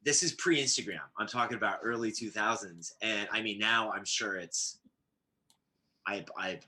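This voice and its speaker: A man co-hosts a live show and rambles through casual stories, stopping and restarting often. His voice sits fairly low. His tone is very bright and forceful. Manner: rambling, halting, many restarts. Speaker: co-host. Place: Los Angeles area.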